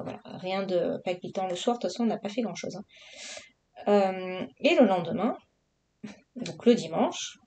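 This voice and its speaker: A woman's voice: on the low side, dark tone, slight background noise. A woman from Marseille, chatting casually and rambling in her vlog with lots of fillers. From Marseille, southern France. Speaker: coloring vlogger. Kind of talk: casual chat.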